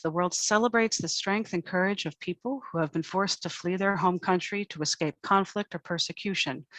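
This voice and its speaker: A woman hosting a virtual panel over a video call. Her voice sits a little low, and the sound is dry and close with no room around it. She reads her opening from a script, then briefly hands off to each speaker. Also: a bit bright, no room sound. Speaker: panel moderator.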